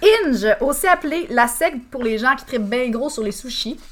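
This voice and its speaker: A woman with an Abitibi Quebec French accent hosts a comedy game show. Her voice sits high. She announces each item with playful, mock-formal flair, and faint clicking is audible behind her. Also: expressive, normal speed, slight background noise. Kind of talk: hosting a comedy quiz.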